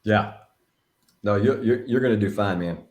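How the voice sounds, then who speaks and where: A man with a Southern Texas accent and a fairly low voice tells folksy, animated stories. He is coaching another agent in a relaxed chat. The sound is roomy and echoey. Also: normal speed. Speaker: real estate agent.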